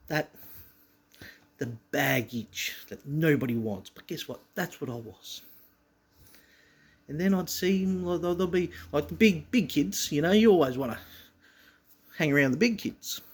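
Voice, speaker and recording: A man telling a personal story in an emphatic, profane, rough-edged way. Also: a little high, expressive, a little slow, long pauses. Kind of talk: personal monologue.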